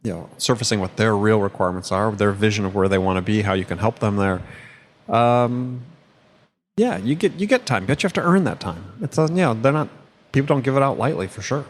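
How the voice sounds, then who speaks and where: A man with a fairly low voice talks casually as a podcast host, looping back on his sentences and laughing lightly. His voice is wearing thin, and he sounds hoarse. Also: animated, brisk, slight background noise. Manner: rambling, self-interrupting, chuckles often. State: losing his voice. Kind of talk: casual conversational chat.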